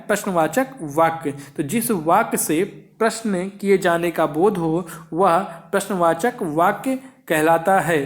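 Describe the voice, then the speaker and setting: A man teaching an exam-prep grammar lesson, who keeps asking questions and answering them himself. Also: high-pitched.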